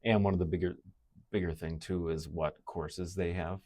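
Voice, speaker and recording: A man's voice: low voice, steady tone, moderate pace, warm tone. A man co-hosting a casual podcast, easygoing and joking as he tells stories. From Wisconsin. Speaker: podcast co-host, financial advisor.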